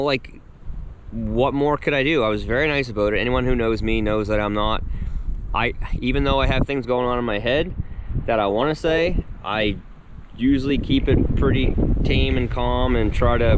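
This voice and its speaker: A man in his thirties tells a story to the camera outdoors, his voice mid-pitched and lively as he acts out what others said. Faint background noise sits under his voice. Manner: animated retelling, acting out quotes. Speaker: vlogger. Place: outdoors on his rural property with his dogs.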